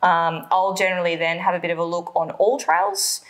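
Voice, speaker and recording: A woman's voice: lowish voice, sing-song, normal speed. A woman in her thirties with an Australian accent, co-hosting a travel vlog from her living room, chatting casually with lots of ums. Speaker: vlog co-host. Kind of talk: casual explainer chat.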